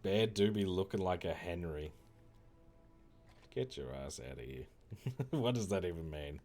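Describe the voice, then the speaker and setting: A man's voice: deep voice, animated, unhurried, warm tone, soft background music. A young American man streaming a game, bantering casually with chat, laughing often and swearing. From United States. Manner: laid-back banter, laughs often, swears, mimics accents.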